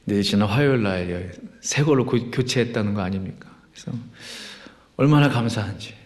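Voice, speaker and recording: A man's voice: lowish voice, normal speed. A man preaching a Sunday sermon as pastor, talking in a conversational way with many fillers and leading fervent prayer. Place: church sanctuary. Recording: long church reverb.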